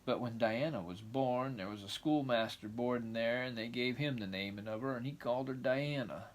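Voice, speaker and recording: A man voicing a shy old country farmer in a storybook, talking slowly and hesitantly with a folksy drawl. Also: medium pitch, close to an everyday voice. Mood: doubtful.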